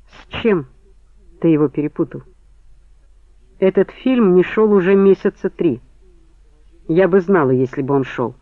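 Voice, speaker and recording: A man reading the part of a sharp woman who questions her lover in cool, cutting lines. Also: sits high, a little slow, pauses often, no echo. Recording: tinny phone-like band, dry.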